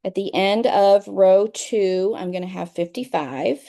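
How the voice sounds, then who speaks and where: Mellow-voiced woman teaching crochet. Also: mid-range voice, a little slow. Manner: chatty, repeats herself and checks in with "okay?". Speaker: crochet instructor. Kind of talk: casual tutorial explanation.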